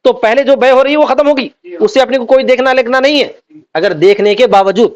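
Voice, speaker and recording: A man teaching Islamic law, reading out Arabic text and then explaining it by asking and answering his own questions. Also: very high voice. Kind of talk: classroom lecture. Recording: dull lo-fi recording.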